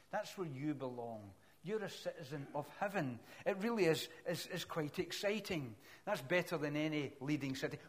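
A middle-aged man from Scotland with a Glaswegian accent, preaching a sermon in a conversational way with self-deprecating asides between scripture readings. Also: a little high. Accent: Glaswegian Scottish.

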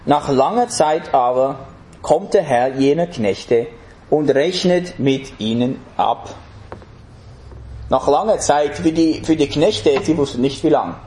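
A man's voice: on the high side, takes it slowly, mellow, roomy sound. A man preaching a sermon in an emphatic way, putting rhetorical questions to the congregation.

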